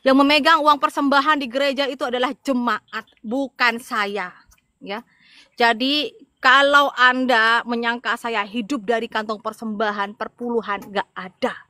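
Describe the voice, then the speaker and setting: A woman's voice: fairly high pitch, steady tone, moderate pace, bright, forceful tone, no room sound, clean studio sound. A middle-aged woman from Madura, Indonesia, an evangelist talking casually to her viewers, stressing and repeating her points. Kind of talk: casual livestream talk to viewers.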